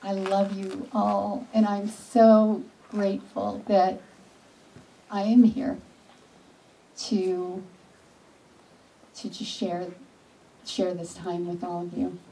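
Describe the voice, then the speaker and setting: A woman giving an earnest, informal speech to a small gathering, with pauses and restarts. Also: mid-range voice, level tone, vocal fry, dark tone, distant mic, slight background noise, poor audio. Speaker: event attendee giving a speech.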